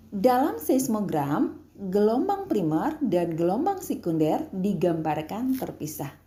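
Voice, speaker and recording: A woman teacher explaining a science lesson to her pupils, calm and explanatory, with a North Sulawesi accent. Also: medium pitch, reverberant. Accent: Indonesian, North Sulawesi.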